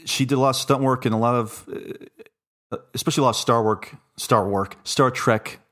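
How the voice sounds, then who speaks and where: A man's voice: medium pitch, brisk, a bit bright. Enthusiastic man hosting a film chat. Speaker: podcast host. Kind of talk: casual film discussion.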